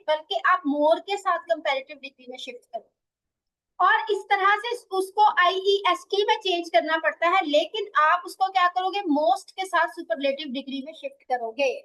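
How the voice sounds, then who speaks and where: In a low-quality recording, a woman with an extremely high, fairly bright voice teaches an English grammar lesson. She explains in Hindi mixed with English, asking and answering her own questions. She reads English example sentences very slowly and calls her listeners children and dear students.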